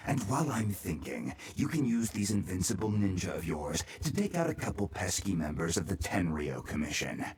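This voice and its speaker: An actor voicing a menacing, short-tempered bandit kidnapper in a video game, with a sneering, theatrical delivery. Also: male voice, sits low, big pitch swings, normal speed, few pauses, a little mellow, recorded from a distance, slight background noise. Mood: sneering menace. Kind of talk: English video game voice acting.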